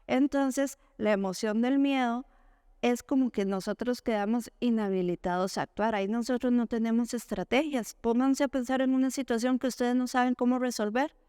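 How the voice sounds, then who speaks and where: Woman explaining, crisp clear voice. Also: steady tone, moderate pace, mellow, no room sound, clean studio sound. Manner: explanatory, asks the audience questions and answers them; acts out quoted parents and children in a higher voice. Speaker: school talk speaker for parents. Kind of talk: educational talk to parents.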